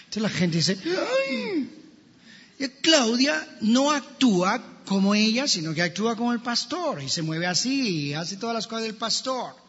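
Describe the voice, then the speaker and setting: A man's voice: sits high, animated, normal speed, few pauses, a bit bright. A male pastor preaching a sermon in a church, emphatically addressing his congregation. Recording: long church reverb, dull lo-fi sound.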